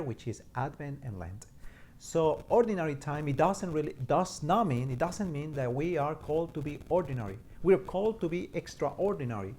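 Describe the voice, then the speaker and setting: A man's voice: fairly high pitch, a little mellow. A priest from Mexico, speaking a short homily in an earnest way, often repeating words as he searches for them.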